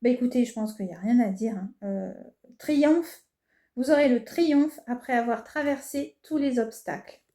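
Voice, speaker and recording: A woman's voice: fairly high pitch, moderate pace, mellow. A woman giving a casual horoscope tarot reading, hesitant and reassuring, with frequent fillers. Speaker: tarot reader. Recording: echoey room with faint noise.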